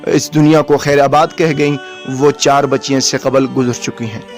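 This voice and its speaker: A man's voice: mid-range voice, steady tone, moderate pace, soft background music. A man hosting a field report, narrating solemnly in formal speech and appealing to viewers. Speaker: reporter host.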